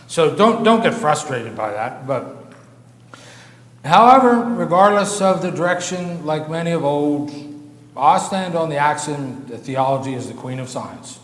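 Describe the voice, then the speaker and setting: An American man preaching a sermon-style lecture, halting and repeating words, earnest and emphatic. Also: a little high, a bit bright. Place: church. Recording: echoey church hall.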